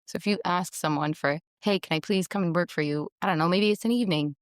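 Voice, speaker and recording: In a workspace studio in London, a young woman originally from Montreal, Canada, talks casually as an interview guest. Her lowish voice comes across chatty and cheerful, punctuated by quick laughs, and her first language is Italian. There's no room sound, just clean studio audio.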